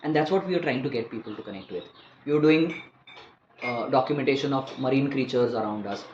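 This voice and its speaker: A man's voice: mid-range voice, fairly quick. A man in his fifties with an Indian accent, speaking articulate, educated English as he explains things conversationally in an interview. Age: 50s. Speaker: interview guest, wildlife biologist and conservationist. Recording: roomy, muffled, faint background noise.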